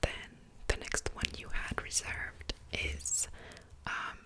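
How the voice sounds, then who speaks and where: A woman in a whispered role-play as a patient, helpful librarian, speaking in a soft, breathy library whisper with an unhurried, explanatory manner. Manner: unhurried, explanatory, gently attentive. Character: patient, helpful female librarian serving a borrower. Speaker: ASMR performer playing a librarian.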